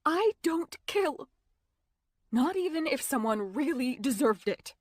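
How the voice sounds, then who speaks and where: A woman's voice: high voice, very animated, slow pace, dry recording, clean studio sound, voice pushed up, full character voice. A woman narrator voicing a stubborn young heroine who speaks in a strained, insistent way. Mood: upset insistent. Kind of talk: audiobook character voicing.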